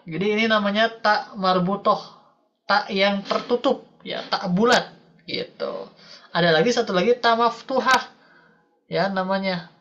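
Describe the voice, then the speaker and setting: A woman's voice: medium pitch, unhurried, long pauses, a bit bright, highs cut off. A woman teaching a recitation class over a video call, patiently explaining and often checking in with her students. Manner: patient, repeats "ya" and "Ibu Bapak" often. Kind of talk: online tajwid class, explaining slowly.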